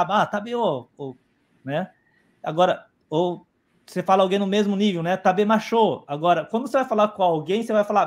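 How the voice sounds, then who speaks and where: A man speaking as a guest on a live stream, explaining at length and often adding "né?" and restarting his sentences, over a video call microphone. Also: high voice. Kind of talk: explanatory talk.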